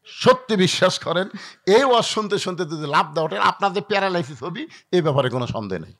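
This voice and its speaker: A man's voice: high voice, animated, fast talker, fairly bright tone. A man, preaching a waz sermon to a crowd, acting out dialogues and calling for the crowd to answer. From Bangladesh. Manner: dramatic storytelling, acting out dialogues, calling for audience responses.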